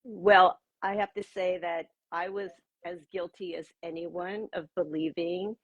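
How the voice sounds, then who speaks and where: Husky sixty-year-old woman on a video call. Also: on the low side, fairly even intonation, unhurried, no room sound, dull audio. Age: 60s. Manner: chatty, with frequent fillers and laughs. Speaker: guest, pro-age blogger. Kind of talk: casual conversational interview.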